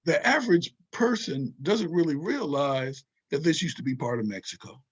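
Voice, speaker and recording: An older Southern California man, a historian and author appearing as an interview guest, speaks in emphatic, digressive runs, repeatedly checking in with "right?" and "you know?". His voice is a little high, sing-song and husky at normal speed, on a muffled recording.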